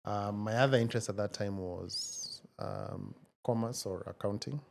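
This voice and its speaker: A man in his forties, speaking as an interview guest in a measured, reflective way with frequent hesitations. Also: fairly low pitch, gravelly, a little hiss or hum. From Kenya. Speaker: guest, tech founder. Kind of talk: casual interview conversation.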